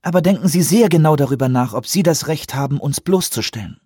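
A controlled female commander, played by a male narrator, pleads and presses in measured, insistent phrases. Her voice sits noticeably higher with a husky grain, recorded dry and close. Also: animated, dark tone, no echo. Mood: persuasive.

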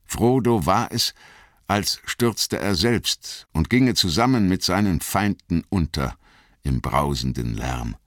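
Brief: male audiobook narrator, very low voice, lively swings, unhurried, dry close sound. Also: dry recording. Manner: dramatic, expressive reading. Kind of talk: scripted narration.

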